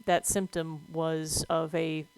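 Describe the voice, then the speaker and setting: A woman's voice: deep voice, flat delivery, slow pace, darkish tone, clean tone, dry recording, low-quality recording. A woman streaming a game who explains veterinary matters in a blunt, casual way, swearing freely and breaking off to react to the game. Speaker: streamer with veterinary work experience.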